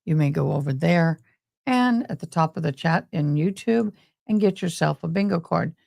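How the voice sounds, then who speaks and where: Gravelly, close-miked woman livestream host. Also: deep voice, lively intonation, moderate pace, a little mellow, dry recording. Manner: folksy, talks directly to viewers with y'all. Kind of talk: casual livestream chat and commentary.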